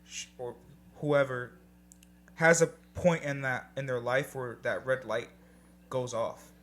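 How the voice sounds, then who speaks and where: Taking it slowly, a young man co-hosting a casual podcast speaks in a mid-range, slightly bright voice with fairly even intonation. The conversation is easygoing and reflective, with a bit of casual swearing.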